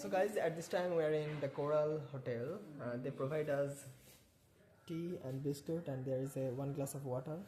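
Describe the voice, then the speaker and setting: Chatty male travel vlogger, slightly high. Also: drawn-out words, mellow, reverberant, faint music behind. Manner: chatty, addresses viewers as friends, mixes in English words. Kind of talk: casual travel vlog to camera.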